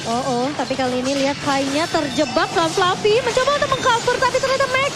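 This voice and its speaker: Very high-pitched woman shouting excited fighting-game-announcer commentary. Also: fast. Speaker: esports match commentator. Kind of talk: live play-by-play game commentary. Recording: loud music under the voice.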